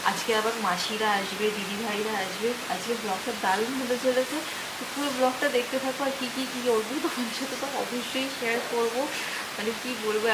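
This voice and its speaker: A young woman with a Kolkata Bengali accent, talking softly to the camera in a casual vlog. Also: a little high. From Kolkata, India. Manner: speaking softly and hushed. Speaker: vlogger. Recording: loud steady hiss.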